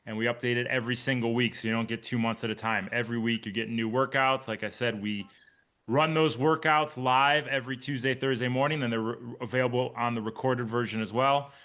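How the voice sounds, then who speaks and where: A man's voice: medium pitch, steady tone, brisk, fairly bright tone. A man in his forties, a triathlon coach and podcast host, chatting casually and upbeat on a live video call with his team. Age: 40s. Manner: upbeat, chatty, addresses listeners by name.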